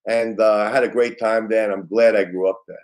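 A man's voice: lowish voice, fairly even intonation, fairly quick, a little mellow. An older or middle-aged man with a Brooklyn accent, casually reminiscing as an interview guest in a streetwise, loosely phrased way. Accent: Brooklyn New York. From Brooklyn, New York. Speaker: interview guest, retired police detective.

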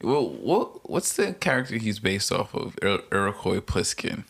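Male co-host, lowish gravelly voice, slangy and informal, casual conversation. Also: sing-song, measured pace, a bit bright. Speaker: podcast co-host. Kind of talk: casual chat.

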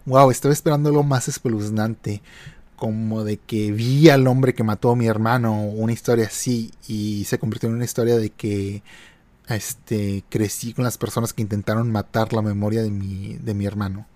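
A man's voice: fairly low pitch, fairly even intonation, normal speed, warm tone, no echo. Man hosting a story podcast, dry. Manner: conversational, hesitant fillers while commenting. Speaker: podcast host. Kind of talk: reading online posts aloud and commenting.

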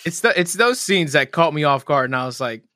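A man's voice: on the high side, lively intonation, brisk, pushed and bright, dry recording, studio quality. A man co-hosting a podcast, chatting casually about a movie, swearing and restarting his sentences. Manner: sweary, enthusiastic, hesitant restarts. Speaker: podcast co-host. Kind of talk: casual movie review chat.

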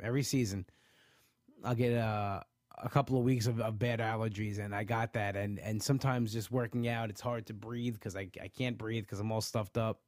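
A lowish, darkish male voice, recorded at studio quality with no room sound. Stuffed up from allergies, he's casually chatting on a livestream and reading viewer comments about his weight loss. He wanders off track, restarting frequently and leaning on "you know."

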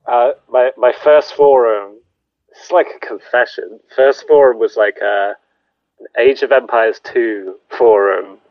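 A podcast guest in his thirties from near Sheffield, England, chats casually in a rambling, self-deprecating way packed with fillers. His medium-pitched voice is unhurried. The recording has no echo but a dull, lo-fi sound.

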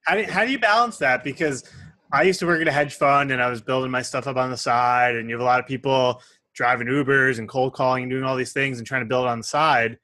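A man's voice: medium pitch, fast, dry recording. A man hosting a podcast interview, asking questions and telling stories with energy. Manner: energetic storyteller. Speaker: podcast host.

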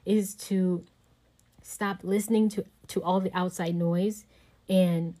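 A woman's voice: on the low side, steady tone, takes it slowly, dark tone. A woman in casual conversation, talking in a reflective way and filling her speech with "you know" and "like".

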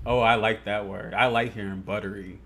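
A podcast co-host chats casually, laughing a lot and using plenty of fillers. His voice is fairly low, steady, gravelly and husky yet fairly bright, and he talks briskly.

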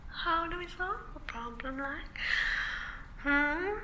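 A woman's voice: high-pitched, animated, pushed and bright, reverberant, slight background noise, full character voice, rough recording. A woman playing a taunting corporate villain. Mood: toying menace. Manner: teasing, laughing, slow and toying. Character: sly mocking female corporate insider, menacing. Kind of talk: radio drama acting.

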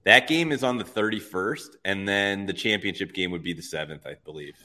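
On a live betting show, a guest sports bettor casually runs through his picks, upbeat and easygoing. His voice sits low but sounds bright and forceful, and he speaks briskly.

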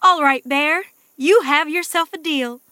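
A woman voicing a clever, hardworking mother rabbit in a children's story, with a cheerful, brisk and matter-of-fact way of talking. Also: sits high, sharp tone, no room sound, studio quality.

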